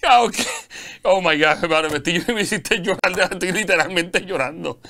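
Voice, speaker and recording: A man's voice: high voice, moderate pace, creaky, bright, forceful tone. A man hosting a casual interview, asking questions and reacting with short exclamations. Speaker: host.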